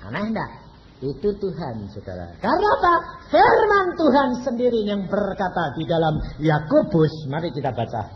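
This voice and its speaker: A man's voice: high voice, huge pitch swings, moderate pace. A man preaching a sermon, often asking the congregation rhetorical questions. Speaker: evangelist preacher. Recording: dull lo-fi sermon recording, faint noise.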